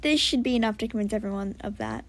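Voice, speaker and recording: A woman voicing an earnest, sheepish young male firefighter, spoken louder than her whispered narration. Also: mid-range voice, quick pace, natural voice.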